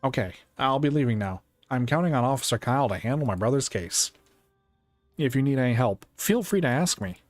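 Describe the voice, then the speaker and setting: A man's voice: medium pitch, lively intonation, fairly quick, no echo, close to an everyday voice. An earnest, deferential young man from a detective game , acted by a male player. He speaks as a pleading younger brother, recorded dry over faint music. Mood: earnest, grateful.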